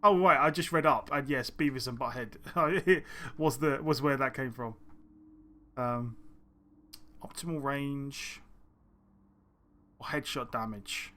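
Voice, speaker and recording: A man's voice: medium pitch, slow pace, pauses often, bright, forceful tone. A man streaming a video game, chatting and thinking aloud as he plays, rambling between choices. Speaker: gaming streamer. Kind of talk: let's-play commentary.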